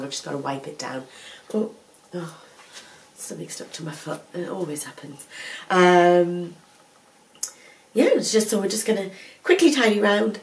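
Congested from a cold, a vlogger who is a full-time mum rambles to the camera in her living room, chatty and self-correcting. Her voice is lowish, gravelly, and darkish in tone. The recording comes from a camera set up on a tripod, somewhat distant from her.

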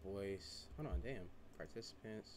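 A man's voice: fairly low pitch, unhurried, heavy background noise. A young man hosting an online blind date game, talking loose and slangy into a headset. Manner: loose slangy talk, easygoing, organizing the call. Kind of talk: casual streamed chat on a group video call. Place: indoor room, streaming setup.

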